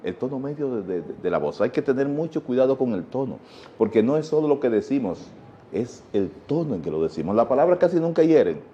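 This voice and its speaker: A Dominican man speaks as a guest teacher in a TV interview. His voice is mellow and dark, and the sound is dull and lo-fi. He lectures patiently and poses rhetorical questions. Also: mid-range voice, very animated, a little fast, a little hiss or hum. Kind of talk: TV interview, explaining.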